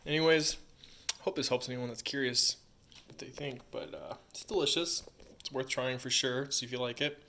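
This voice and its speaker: A man's voice: medium pitch, normal speed, pushed and bright, slight background noise. A man giving a casual food review while eating crunchy fried chicken.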